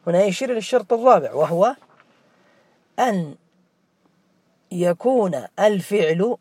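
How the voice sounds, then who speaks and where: A man's voice: sits high, animated, moderate pace, darkish tone, breathy edge, no echo. A man teaching morphology, questioning students by name and repeating key words as a drill. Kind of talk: interactive grammar lesson.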